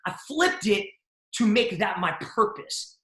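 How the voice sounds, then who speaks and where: A man's voice: high-pitched, animated, slow pace, sharp tone, roomy sound. A man hosting a podcast interview, giving earnest motivational commentary with emphatic lists. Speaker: podcast host.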